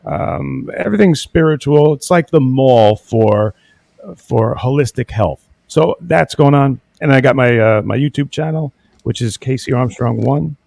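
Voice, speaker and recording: Gravelly, halting man on a dry mic. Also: mid-range voice, darkish tone, dry recording. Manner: rambling, many ums and uhs, halting. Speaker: guest. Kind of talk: casual interview chat.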